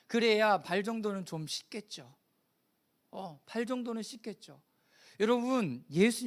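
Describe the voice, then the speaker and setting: A middle-aged man preaching a sermon as pastor, talking in a conversational way and asking the congregation questions. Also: high-pitched.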